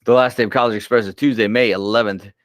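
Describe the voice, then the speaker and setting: A man's voice: lowish voice, fairly even intonation, fast, no echo, clean studio sound. A man hosting casual school homeroom news, chatty and joking, sleepy and yawning as he reads announcements.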